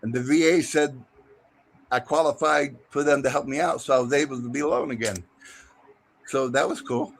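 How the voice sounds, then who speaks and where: A man's voice: medium pitch, normal speed. A man chatting casually in a group, talking in a rambling, insistent way. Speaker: military veteran.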